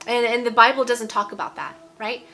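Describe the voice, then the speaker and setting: A woman's voice: on the high side, steady tone, brisk, fairly bright tone, soft background music. A woman in her forties giving a casual, emphatic sermon to camera at home, repeating phrases and checking in with "okay?". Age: 40s. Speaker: preacher. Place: indoor room at home.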